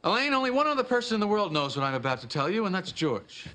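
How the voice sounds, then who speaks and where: A man's voice: high voice, big pitch swings, fast talker, sharp tone, a little hiss or hum, full character voice. An actor in his thirties playing a wry comedian who tells stories with theatrical flair in a sitcom. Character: wry male comedian, neurotic and jokey. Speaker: sitcom lead. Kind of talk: sitcom acting. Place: studio apartment set. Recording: sitcom audio with audience laughter.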